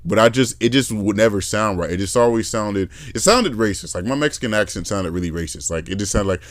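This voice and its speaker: On the low side and fairly quick, this man's voice comes through clean studio sound with no room sound. He hosts a podcast, rambling through ideas in lively, casual chat and doing accents along the way.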